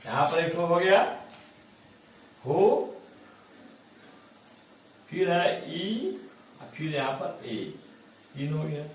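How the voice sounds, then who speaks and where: A male college lecturer with an Indian accent, explaining English syllables slowly, repeating and spelling them out. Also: on the high side, animated. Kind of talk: classroom lecture on English pronunciation. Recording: echoey classroom, mic far off.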